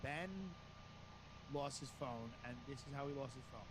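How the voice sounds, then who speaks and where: A man's voice: medium pitch, steady tone, normal speed, noisy background. A man hosting casual comedic banter, teasing and jumping in with questions. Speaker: podcast host.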